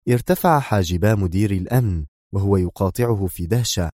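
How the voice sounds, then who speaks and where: A man reading a spy novel aloud as narrator, in a steady, measured delivery. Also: fairly low pitch, no echo, clean studio sound. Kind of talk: scripted audiobook narration.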